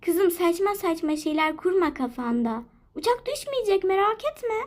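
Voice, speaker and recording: A woman's voice: extremely high pitch, lively intonation, moderate pace. A woman voicing a mother pet in a toy figure video, reassuring but scolding.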